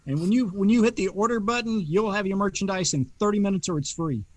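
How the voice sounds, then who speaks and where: A playful man co-hosting a podcast over a video call, hamming up an announcer delivery. His voice sits high for a man. The sound is dry and close, with no room echo. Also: fast. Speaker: podcast co-host. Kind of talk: casual chat.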